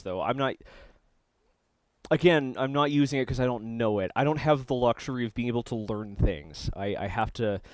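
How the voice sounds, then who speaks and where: A man's voice: medium pitch, no echo. A young man on a live stream, chatting casually while he works on a circuit board, rambling and restarting his sentences. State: eating while talking. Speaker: streamer building electronics.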